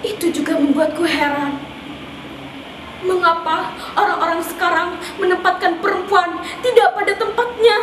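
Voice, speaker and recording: Very high voice, woman performing as a sorrowful tragic daughter, stage monologue, declamatory, anguished, distant echoey recording. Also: fairly even intonation. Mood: sorrowful reflection. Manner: sorrowful, declamatory, dramatic pauses. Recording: distant, echoey, clearly noisy room recording.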